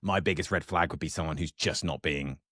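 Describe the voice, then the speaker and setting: A man's voice: a bass voice, brisk, a bit bright, husky, no echo, clean studio sound. A man hosting a casual interview podcast, asking earnest, loosely phrased questions. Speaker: podcast host.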